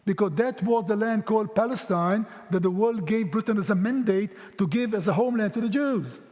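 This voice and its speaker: A high-voiced man gives an emphatic church lecture, pressing his points with pointed rhetorical questions. His voice rings out with a long reverb tail in a church hall. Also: fairly quick, darkish tone. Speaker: guest speaker teaching a history session.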